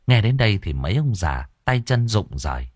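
A man narrating a ghost story in a dramatic, expressive way. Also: sits low, moderate pace, no echo, clean studio sound.

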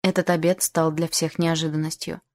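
A woman reads an audiobook in the first person, with calm and even storytelling. Her voice sits a little low. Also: moderate pace. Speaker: audiobook narrator.

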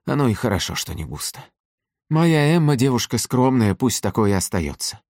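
A man reading an audiobook, voicing a fierce old working-class mother who shouts and scolds. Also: mid-range voice, sing-song, normal speed, no room sound, clean studio sound, pitched above the performer's own voice. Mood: scolding.

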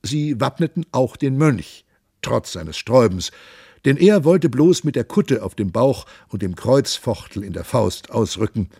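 Gravelly, husky male storyteller. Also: mid-range voice, dry recording, studio quality. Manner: expressive, unhurried storytelling with character voices. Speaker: narrator. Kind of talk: audiobook reading.

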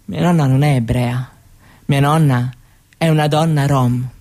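Speaking with an extremely low, dark voice at an unhurried pace and fairly even intonation, an actress takes the role of a young Roma woman. Shy and hesitant, she relates her grandmother's story in a conversational theatrical monologue presented as spoken testimony, sorrowful and grave.

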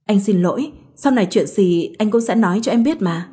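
A woman's voice: medium pitch, expressive, fairly quick, dark tone, slightly rough. A woman reading a doting young husband. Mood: tender.

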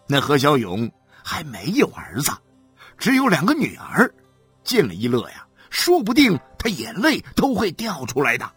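An audiobook reader voicing a neighbor who gently coaxes and persuades, with soft music behind. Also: mid-range voice, wildly swooping pitch, normal speed, slightly rough, dry recording, pitched above the performer's own voice, full character voice. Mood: coaxing. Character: coaxing nosy neighbor. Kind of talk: audiobook character voice.

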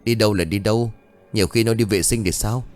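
A man's voice: fairly low pitch, fast, darkish tone, close to an everyday voice. A man voicing a stubborn village husband who talks curtly and grumbles. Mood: grumbling. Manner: curt, grumbling.

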